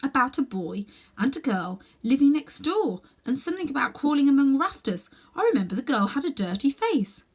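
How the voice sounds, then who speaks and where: An excitable young boy from a storybook, all eager exclamations and quick discoveries, as a woman reader puts him on. The voice sits raised and bright, swooping up and down with animated rise and fall. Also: sits high, voice pushed up. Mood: dreamy. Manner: lively, raised childlike voice.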